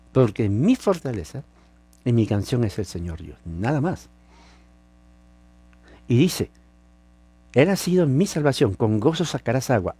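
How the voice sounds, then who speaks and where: A man's voice: mid-range voice, mellow, slightly rough. A man preaching a sermon, teaching with emphasis and asking rhetorical questions. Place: lives in California.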